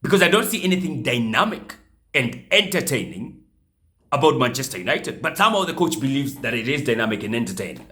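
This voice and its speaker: A man runs his football recap show alone, animated and teasing. His voice is bright and forward, sitting at an ordinary middle pitch. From Kenya. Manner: animated, mocking, sprinkles Swahili slang. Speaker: football podcast host. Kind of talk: casual solo commentary.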